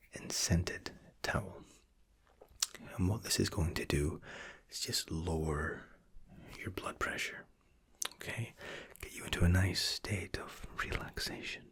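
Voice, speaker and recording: A man doing an ASMR role-play, speaking in a soft, unhurried, courteous whisper as hotel and spa staff. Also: sits low, husky.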